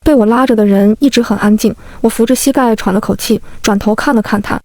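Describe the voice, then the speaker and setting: A woman reading a first-person story aloud in a calm, even narration, including the dialogue of other characters. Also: a little high, fast talker, no echo.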